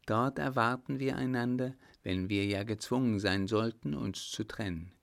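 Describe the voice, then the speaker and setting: A man's voice: mid-range voice, moderate pace, vocal fry, natural voice. Man reading as a plotting baron. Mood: conspiratorial. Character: plotting nobleman baron, cautious conspirator.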